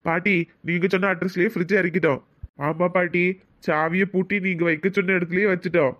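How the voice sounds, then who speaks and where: A woman voicing a polite young delivery man in a Tirunelveli Tamil accent, obliging and quick. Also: fairly low pitch, steady tone, dull audio, lightly acted. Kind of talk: cartoon comedy voice acting.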